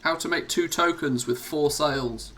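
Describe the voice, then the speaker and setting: A man's voice: a little high, normal speed, fairly bright tone. An English man live streaming from home, chatting casually as he plays, self-mocking and laughing often. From England.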